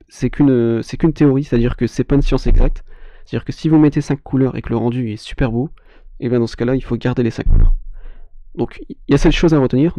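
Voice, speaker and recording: A man's voice: medium pitch, mellow, no room sound. A man who runs a web agency gives a casual screen-share tutorial, wandering through his points with many restarts and fillers. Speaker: web agency owner explaining web design. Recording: dull, slightly lo-fi dry recording.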